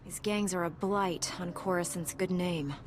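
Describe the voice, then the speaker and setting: A woman's voice: fairly low pitch, steady tone, normal speed, crowd noise, close to an everyday voice. A woman playing a resolute, principled knight in a video game, formal and composed. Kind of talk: scripted video game dialogue.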